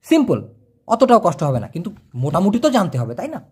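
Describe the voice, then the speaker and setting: A language teacher, explaining vocabulary over pictures and checking understanding with quick questions. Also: medium pitch, huge pitch swings, a little mellow, husky. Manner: repeats each word and checks with quick questions.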